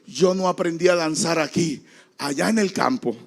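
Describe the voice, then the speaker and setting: A man preaching a dramatic sermon as a pastor, acting out the voices in the story and rising now and then to a shout. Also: fairly high pitch, normal speed, gravelly. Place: church.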